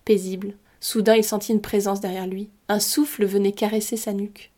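A woman narrating a storybook tale in a measured, expressive reading voice. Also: medium pitch. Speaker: storyteller and host.

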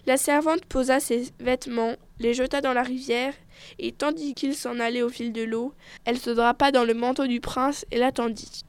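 High-voiced woman reading a fairy tale. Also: smooth, no echo. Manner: expressive, measured storytelling. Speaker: storyteller.

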